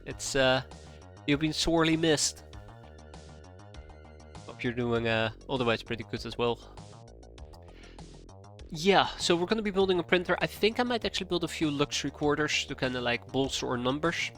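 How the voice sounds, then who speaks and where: Streaming a strategy game live, a man in his thirties with a cold and blocked nose chats with viewers, thinking aloud and drifting off topic in a rambling way. His voice is fairly high and a bit bright, at normal speed with frequent pauses, and soft music plays in the background.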